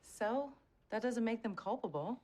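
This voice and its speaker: A determined and weary female prosecutor in a naturalistic legal drama. Her voice sits a little high and she speaks as a working mother used to holding her ground. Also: expressive, measured pace, a little mellow, a little hiss or hum. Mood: wry, friendly. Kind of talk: naturalistic film acting.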